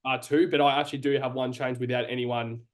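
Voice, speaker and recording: A man's voice: medium pitch, flat delivery, fast. A man with an Australian accent hosting a casual sports podcast, chatty and stammering, trailing off into asides. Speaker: podcast host. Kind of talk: casual chat.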